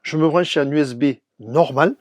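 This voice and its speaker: A man with a Toulouse accent, his voice nasal and stuffy from a cold. He chats casually as he shows his DJ equipment, pausing often. His voice sits a little high and sounds dry and close to the mic. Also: no echo. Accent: Toulouse, southern French. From Toulouse, France. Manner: chatty, demonstrative, frequent hesitations. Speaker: DJ and YouTuber. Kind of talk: casual tutorial vlog.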